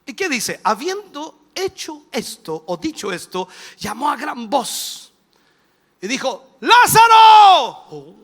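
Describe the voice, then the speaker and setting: A man with a Chilean accent preaching a televised sermon as a bishop, dramatic and animated, dropping to a hush and then rising to a shout. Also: extremely high pitch, slow. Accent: Chilean Spanish.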